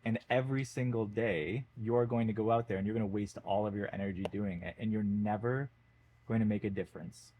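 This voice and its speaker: A man voicing an angry, self-righteous old man who yells and scolds, while telling a story in a podcast interview. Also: lowish voice, fairly even intonation, a little fast, a little hiss or hum, close to an everyday voice. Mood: scolding. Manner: yelling, scolding.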